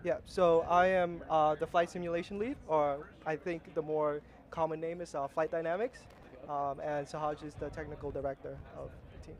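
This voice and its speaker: A man's voice: on the high side, level tone, moderate pace. Hesitant young man from Vietnam. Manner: hesitant, many fillers and restarts. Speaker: rocketry team flight simulation lead. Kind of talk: casual interview. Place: outdoors at a launch site.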